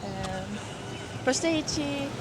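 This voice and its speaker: A woman's voice: sits high, expressive, drawn-out words. A woman chatting casually as a vlog co-host, agreeable and brief in her replies. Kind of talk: casual chat. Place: outdoors, walking along a road. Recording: loud outdoor street and traffic noise. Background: loud street and vehicle noise.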